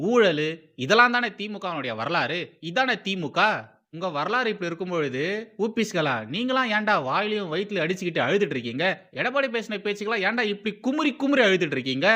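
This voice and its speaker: A man's voice: high voice, bright, forceful tone. A man from Tamil Nadu giving heated, scornful political commentary as a channel host.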